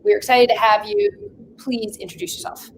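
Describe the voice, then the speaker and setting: A woman's voice: on the high side, lively intonation, moderate pace, vocal fry, slight background noise. A woman casually hosting a video panel in an informal, chatty, teasing way. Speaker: talk show host.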